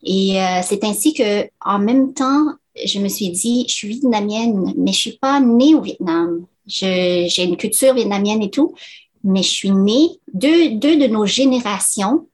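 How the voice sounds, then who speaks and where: A woman's voice: medium pitch, animated, measured pace, darkish tone. Hesitant woman in an interview. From Laos. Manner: hesitant, many fillers and restarts. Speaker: documentary author interviewed. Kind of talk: interview answers.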